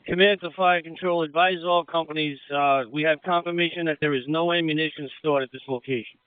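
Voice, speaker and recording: A man's voice: a little high, fairly even intonation, fairly quick, smooth, no echo. A man acting as fire incident commander, giving directions over a two-way radio. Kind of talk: fire ground radio traffic. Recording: tinny narrowband radio channel.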